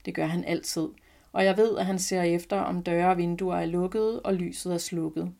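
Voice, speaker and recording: Calm Danish woman reading her story. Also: lowish voice, creaky. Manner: calm, reflective first-person reading. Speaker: podcast co-host reading her own text. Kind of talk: reading a personal short story aloud.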